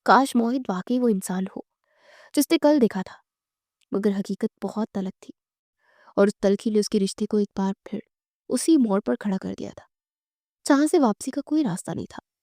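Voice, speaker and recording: A woman narrating a bedtime story in a dramatic, expressive reading. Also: medium pitch, long pauses, no room sound, studio quality.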